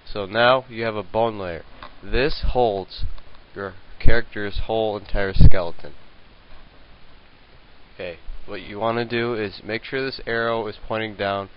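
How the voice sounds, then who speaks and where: A young man giving a casual screen-recorded software tutorial, rambling and hesitant with many fillers, talking into a handheld mic at his home computer. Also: fairly low pitch, fairly even intonation, measured pace, muffled recording, a little hiss or hum. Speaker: tutorial maker.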